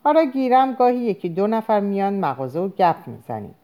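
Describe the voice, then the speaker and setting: A woman reading a novel aloud, voicing an easygoing middle-aged husband and father in her own mellow voice. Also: medium pitch, sing-song, natural voice. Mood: teasing.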